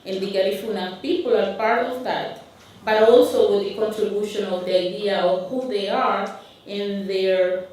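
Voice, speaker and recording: Giving a conference presentation with slides, a Honduran woman speaks in a medium-pitched, steady, slightly mellow voice with a Honduran Spanish accent. Her speech is halting, marked by frequent restarts and fillers, and she sits far from the mic in a roomy hall.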